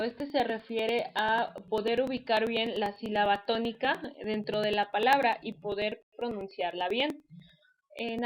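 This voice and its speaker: A woman teacher walks her students through a lesson. Her voice sits a little high, and she explains patiently, pausing on fillers as she goes. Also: poor audio. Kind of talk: online class lecture.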